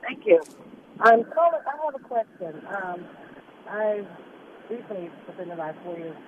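A woman caller speaking over a muffled phone line to a radio show, halting and hesitant. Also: medium pitch, lively intonation. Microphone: phone, not held close. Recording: muffled, tinny phone line with faint hiss.

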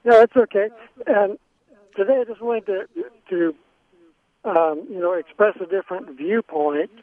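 A man's voice: high voice, unhurried, no echo. A man calling in to a radio show, speaking hesitantly with many ums and restarts. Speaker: caller. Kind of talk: phone-in question. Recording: tinny phone line.

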